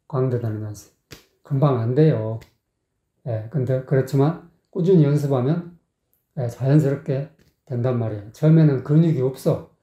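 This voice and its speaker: A singing teacher gives a vocal lesson, singing short phrases slowly and then explaining them in quick, plain speech, often checking that the learner follows. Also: mid-range voice, dark tone. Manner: often checks with the learner by asking "you get it?". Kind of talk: vocal lesson with sung demonstrations. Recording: echoey, tinny phone-like sound.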